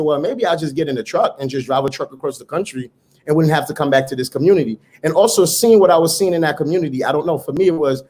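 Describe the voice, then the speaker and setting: Man, middle-aged, rapid speech, motivational, interview guest. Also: fairly high pitch, darkish tone. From Haiti. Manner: earnest, motivational, occasional repeated words. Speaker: startup founder, guest. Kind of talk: conversational interview.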